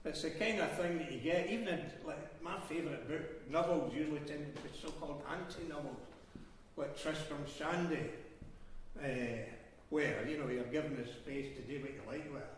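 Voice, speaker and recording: A Glasgow poet with a voice on the high side talks through a live reading at a moderate pace, rambling, hesitating, and digressing with plenty of ems and ehs. He sounds far off in an echoey hall, with slight background noise.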